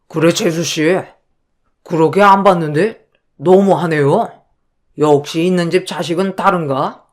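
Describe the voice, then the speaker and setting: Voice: mid-range voice, a little slow, lightly acted. A performer voicing a touchy, sarcastic brother-in-law. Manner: sarcastic, accusing. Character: resentful older brother-in-law, touchy and accusing.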